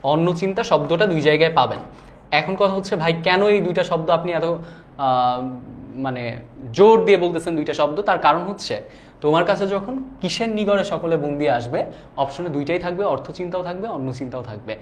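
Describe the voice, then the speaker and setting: A man's voice: fairly high pitch, fairly quick, a little hiss or hum. A young man teaching a live online class. He talks casually, reads viewer comments aloud and keeps checking whether students follow. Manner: casual and chatty, often asks "do you understand?".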